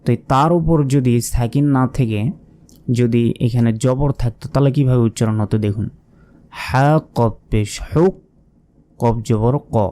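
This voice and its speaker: A man's voice: medium pitch, warm tone. Patient male Quran teacher spelling syllables. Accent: Bangladeshi Bengali. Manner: patient, spells syllables aloud and asks himself questions. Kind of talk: slow spelling-out lesson.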